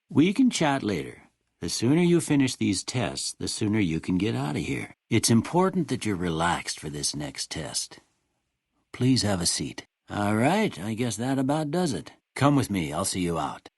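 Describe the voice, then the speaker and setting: A kindly old frontier doctor for a video game, low and husky. He speaks in a plainspoken rural Western American drawl that swings freely up and down. The delivery is folksy and wry, in a close, dry recording. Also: no echo, heavily acted. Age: older. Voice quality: raspy, gravelly. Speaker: voice actor. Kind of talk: video game character dialogue.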